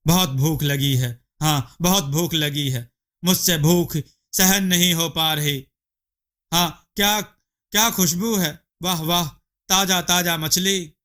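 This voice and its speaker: A man voicing a lazy, greedy village wife in a storybook tale, with a whiny, excitable manner. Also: on the high side, slow pace.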